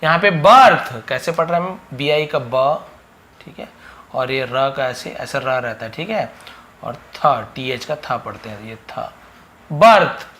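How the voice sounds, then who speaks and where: A man teaching English pronunciation in a phonics lesson, repeating example words slowly and answering his own questions. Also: mid-range voice, bright, forceful tone, slight background noise.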